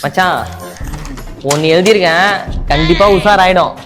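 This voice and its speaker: A man's voice: high voice, normal speed, lightly acted. A man playing a cheeky, lazy schoolboy who jokes with his teacher and friends. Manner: cheeky, joking. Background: loud music.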